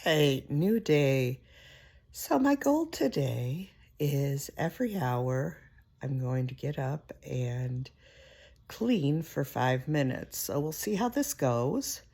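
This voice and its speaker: A woman with a low, deep-set voice talks to her camera at home. She is middle-aged and chats candidly and loosely, circling back on herself and leaning on fillers as she goes. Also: very animated, slow, warm tone, husky. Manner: rambling and candid, with many fillers. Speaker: vlogger. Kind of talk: casual home vlog chat.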